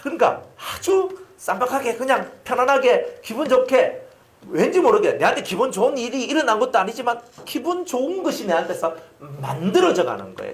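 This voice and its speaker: A male pastor with a Gyeongsang accent preaching a sermon, telling stories with sound effects and questions to the congregation. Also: high-pitched. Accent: Gyeongsang Korean. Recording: roomy echoing hall.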